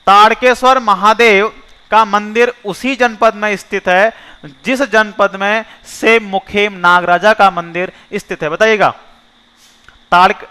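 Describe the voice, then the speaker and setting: A man's voice: high-pitched, pushed and bright, clear, resonant tone. A male teacher going through a mock exam. He reads each question aloud, quizzes the listeners, and then gives the answer himself. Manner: repeats each question and asks listeners before giving the answer; slows down to spell out options, speeds up when asking. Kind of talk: mock test walkthrough lesson.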